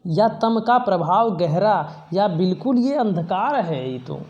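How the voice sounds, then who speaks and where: A teacher works through a poem line by line, restating each phrase in plain words before dictating answers for students to copy. The voice is mellow and soft-edged and sits in a middle pitch. The recording is slightly dull and lo-fi. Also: lively intonation, a little slow. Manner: paraphrases each verse line and tells students what to write.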